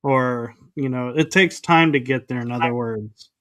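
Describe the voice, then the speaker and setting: A man joins a podcast as a guest over a video call, earnestly explaining ideas step by step. He talks in an unhurried way with a smooth, resonant voice, and the sound is close and dry. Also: medium pitch, a bit bright, no room sound. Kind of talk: casual explanation in an interview.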